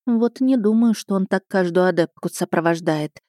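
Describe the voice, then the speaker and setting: A woman's voice: on the low side, moderate pace, mellow, no echo, clean studio sound, lightly acted. A woman voicing an emotional young female magic student who pleads in a tearful, breathless way. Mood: bewildered.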